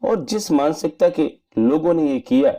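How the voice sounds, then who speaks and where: A man giving an earnest, measured spoken movie review in formal wording. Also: on the high side, expressive, dark tone. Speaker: film reviewer.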